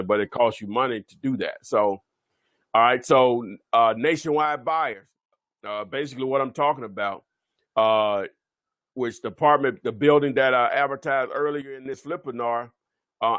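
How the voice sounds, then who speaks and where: A man's voice: mid-range voice, fairly bright tone, no echo. Rambling man teaching real estate. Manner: rambling, many fillers and self-corrections. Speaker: real estate webinar presenter. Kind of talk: unscripted instructional webinar talk.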